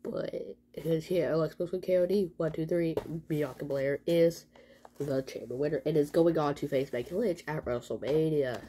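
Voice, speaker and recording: A young woman with a low, mellow voice recaps a wrestling show for her vlog. She rambles and gets excitable, tossing in slang as she goes, and the room has a faint hiss. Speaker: vlogger. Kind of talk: casual wrestling event recap.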